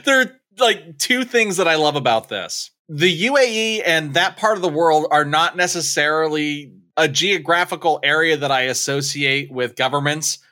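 A man's voice: a little high, normal speed, hardly any pauses, sharp tone. A man co-hosting a podcast, chatting casually with wry jokes. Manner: wry, joking. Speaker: podcast co-host. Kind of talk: casual chat.

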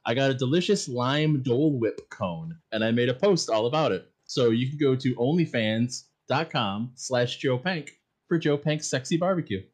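A man's voice: medium pitch, animated, moderate pace, hardly any pauses. A man guest on a podcast, plugging his event and pages in a jokey way. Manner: jokey, promotional. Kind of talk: casual chat.

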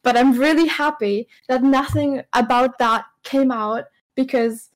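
A woman streamer talks in a casual, hesitant way, filling pauses with um and uh. Her voice sits a little higher than most. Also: steady tone. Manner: hesitant, many ums. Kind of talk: casual chat.

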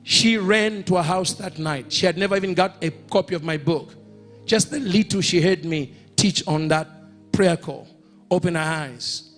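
High-voiced emphatic male preacher. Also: moderate pace, fairly bright tone, faint music behind. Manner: emphatic, repeats phrases, calls out to the congregation. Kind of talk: sermon with storytelling and led prayer. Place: church or conference hall in Ghana.

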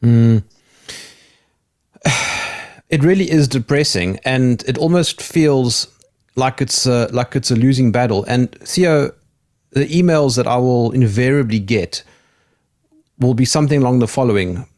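Man hosting, mid-pitched voice. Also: measured pace, long pauses, darkish tone. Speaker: podcast host. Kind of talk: conversational interviewing.

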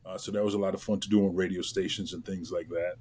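A middle-aged man from Trinidad and Tobago, a guest entertainer telling his career story in a lively way, with many fillers. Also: low-pitched, fast talker, a crowd in the background. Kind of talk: casual interview chat.

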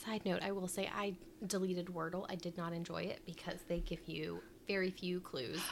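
A woman's voice: fairly low pitch, little pitch movement, moderate pace, vocal fry, a little hiss or hum. A woman co-hosting a podcast, chatting casually and playfully. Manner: giggly, playful, breaks into silly voices and song. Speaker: podcast co-host. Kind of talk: casual chat.

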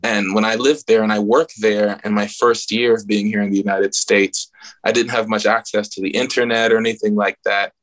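A man's voice: fairly low pitch, flat delivery, moderate pace, fairly bright tone. A man from the Bahamas, a guest musician, speaking earnestly and reflectively at an event and often searching for his words. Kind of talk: casual spoken remarks at an event.

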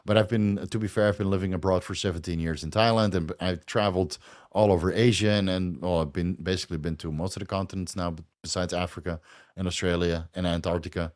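A man's voice: low voice, fairly even intonation, fast. A man from the Netherlands with a Dutch accent, chatting loosely as host while answering viewer questions and thanking donors, swearing and laughing often. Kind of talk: casual livestream Q&A.

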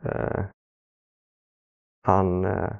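A man telling a painful personal story in conversation, halting, with many fillers and pauses, subdued and sombre. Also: low-pitched, monotone, vocal fry, no room sound. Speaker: podcast guest. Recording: dull, dry lo-fi sound.

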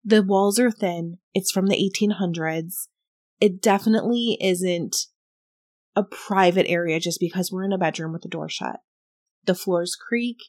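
A woman's voice: on the low side, fairly even intonation, normal speed, a little mellow, dry recording. Dry, close woman investigator host. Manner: thoughtful, hedging, explanatory. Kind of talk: casual podcast chat reviewing audio.

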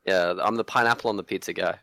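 A man who grew up in Hong Kong, speaking with a British-influenced Australian accent, calling in with a halting question. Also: low-pitched, steady tone, bright, forceful tone, no echo. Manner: hesitant, halting with fillers and laughs. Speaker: caller. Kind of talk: phone-in question.

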